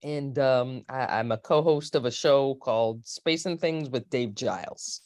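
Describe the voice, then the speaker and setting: A woman's voice: rumbling low, a little slow, darkish tone, dry recording, clean studio sound. A woman in her forties from Florida, a space historian telling rambling, chatty stories as an interview guest. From Florida, USA. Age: 40s. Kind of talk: casual interview.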